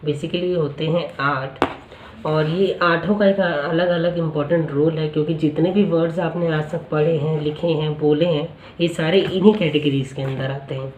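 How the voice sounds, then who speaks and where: A man's voice: a little high, fairly even intonation, darkish tone, a little hiss or hum. Echoey male teacher drilling pronunciation. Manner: explanatory, asks the class rhetorical questions; drills pronunciation by repeating words slowly. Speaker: English teacher. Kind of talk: spoken-English lesson explained in Hindi.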